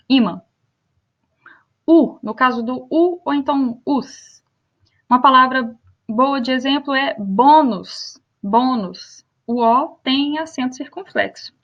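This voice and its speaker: High-voiced Brazilian woman teaching grammar. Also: fairly bright tone, highs cut off. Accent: Brazilian Portuguese. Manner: spells out and repeats example words slowly. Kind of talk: spoken grammar lesson.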